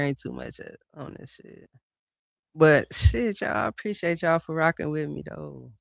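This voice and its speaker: A man's voice: a little high, clean tone, dry recording. A man with a slightly raised voice hosts a reaction stream, mocking the clip he plays with plenty of swearing and laughter. His voice sounds close and dry. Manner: profane, mocking, laughs often. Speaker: reaction commentator. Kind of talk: casual live reaction commentary.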